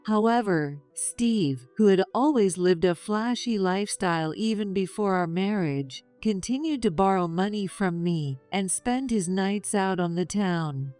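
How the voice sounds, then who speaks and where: A middle-aged woman calmly narrating a first-person story in a measured, confessional way. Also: medium pitch. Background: faint music.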